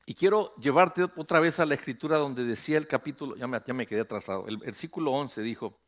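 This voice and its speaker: A man's voice: mid-range voice, quick pace. A middle-aged man, a pastor preaching a sermon, calling on the congregation to repeat after him and rising to emphatic peaks.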